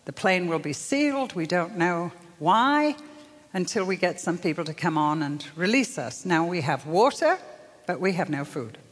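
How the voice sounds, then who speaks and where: Older woman preaching with husky animation. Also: lowish voice, normal speed. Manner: animated, acts out voices in the story. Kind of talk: sermon storytelling. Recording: long hall reverb.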